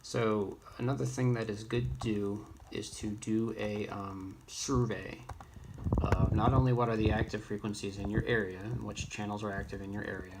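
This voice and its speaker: A man with a fairly low voice teaches an unscripted screen-demo tutorial for a radio how-to show, explaining each step haltingly while thinking aloud. Noise, typing and mouse clicks run underneath.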